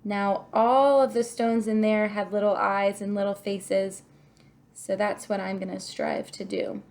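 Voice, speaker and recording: A woman teaching young children a craft narrates each step with encouragement, thinking out loud and asking questions along the way. She is a kindergarten teacher. Her mid-range voice has a darkish tone and a flat, unhurried delivery.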